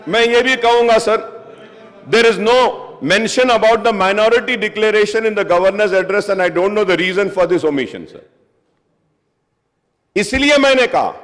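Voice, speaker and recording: A member of a state legislative assembly speaks in a debate in a large assembly chamber, switching between Hindi and English and repeatedly addressing the chair as "sir." His voice is high with a fairly bright tone, and the long reverb of the big hall is audible.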